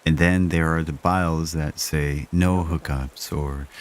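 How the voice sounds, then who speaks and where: A man narrating first-person horror stories in a slow, measured, hushed way. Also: a bass voice, steady tone, crowd noise.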